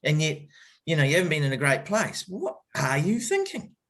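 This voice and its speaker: His pitch swoops wildly in a higher, slightly bright voice at a moderate pace as the middle-aged Kiwi cricket coach shares his life story as an interview guest on a podcast. Full of fillers and false starts, his telling is nonetheless open and reflective.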